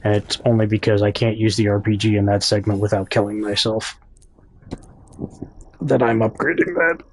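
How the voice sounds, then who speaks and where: A man's lowish voice at normal speed carries casual gameplay commentary in a Midwestern American accent, with a bit of hiss or hum behind it. He's a chatty gaming YouTuber speaking right to viewers and regularly correcting himself mid-thought.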